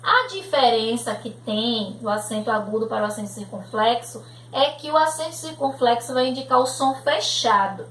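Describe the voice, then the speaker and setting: A woman's voice: on the high side, animated, a bit bright, slight background noise. A woman teacher with a Brazilian accent, patiently explaining a grammar lesson for young children and often checking that they follow. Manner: slow, patient, checks in with "né?" and "tudo bem?". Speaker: primary school teacher. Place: room at home. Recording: echoey room recording.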